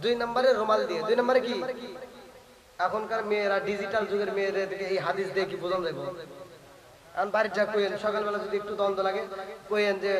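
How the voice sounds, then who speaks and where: A man's voice: high voice, flat delivery, fast talker, roomy sound, crowd noise, low-quality recording. A male Islamic preacher, delivering a fervent sermon, singing passages and throwing rhetorical questions at his listeners. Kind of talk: Bengali religious sermon with sung chanting.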